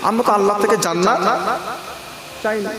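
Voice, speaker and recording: A man preaching a sermon to a gathering, chanting in a sing-song way and climbing to loud, impassioned peaks. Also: high voice, fairly even intonation, brisk, very echoey, a loud crowd. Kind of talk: Bengali religious sermon at a public gathering. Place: outdoor gathering with a crowd.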